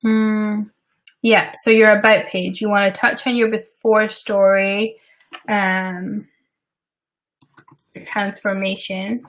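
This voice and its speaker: A woman's voice: medium pitch, little pitch movement, slow pace, pauses often. Chatty Scottish woman designer. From Scotland. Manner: chatty and rambling, with frequent fillers and asides. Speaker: web designer hosting a live stream. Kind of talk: casual live-stream work session.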